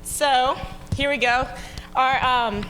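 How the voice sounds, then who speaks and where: Bright-voiced young woman with soft W-like R's. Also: high voice, slow pace, faint music behind. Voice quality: trouble saying R's, sounding like W. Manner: informal, joking, chatty. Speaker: art gallery co-founder, co-presenter. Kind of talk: casual live co-presentation on stage. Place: stage in a reverberant venue. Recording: hall reverb with noisy ambience.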